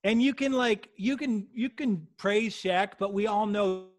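A man with a Michigan accent, co-hosting a sports betting chat in an animated, joking way. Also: high-pitched. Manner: animated, quick asides and jokes. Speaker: sports betting podcast co-host.

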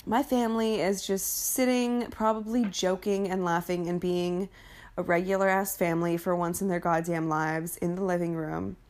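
Young woman, casual storyteller, lively and foul-mouthed, jumps into high squeals when quoting herself. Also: normal speed. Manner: animated, profane, laughing often, acts out her younger self in high squeals.

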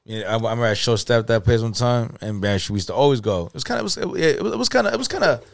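A man's voice: mid-range voice, animated, racing, vocal fry, no echo, studio quality. A man telling a story in casual podcast chat, laid-back and slangy, acting out the people in it. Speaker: podcast co-host.

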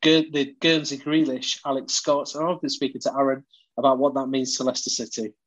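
A man's voice: medium pitch, flat delivery, a little fast. A man chatting and bantering casually as a regular on a football podcast.

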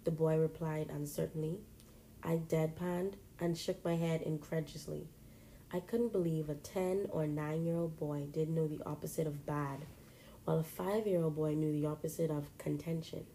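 A woman reading a first-person story aloud in a plain, steady manner. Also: low-pitched, normal speed, slight background noise, low-quality recording.

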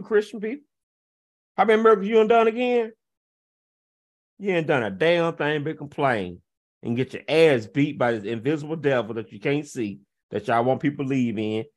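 Here a man rants aggressively, taunting with rhetorical questions and letting out derisive laughs, his voice dropping from noisy jeers to a slow, quiet mutter.

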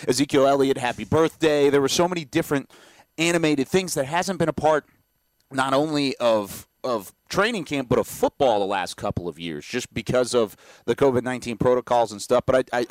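A man's voice: mid-range voice, brisk, dry recording. A man hosting a sports podcast, recapping events and moving the talk along with questions. His mid-range voice is dry and close to the mic. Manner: steers the talk, sets up questions. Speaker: podcast host. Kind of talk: casual sports podcast chat.

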